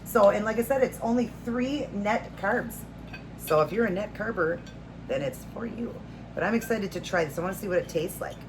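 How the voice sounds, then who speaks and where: A woman's voice: mid-range voice, moderate pace. Chatty woman vlogger with noisy background. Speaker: host of a food and faith vlog. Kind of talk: casual chatty talk to viewers. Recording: noticeable background noise, home video.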